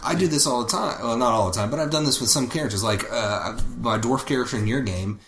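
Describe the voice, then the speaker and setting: A man's voice: medium pitch, quick pace, a bit bright, soft background music. A man co-hosting a podcast in casual chat, thinking aloud and correcting himself as he goes. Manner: thoughtful, rambling and self-correcting. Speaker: podcast co-host. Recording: roomy with faint background noise.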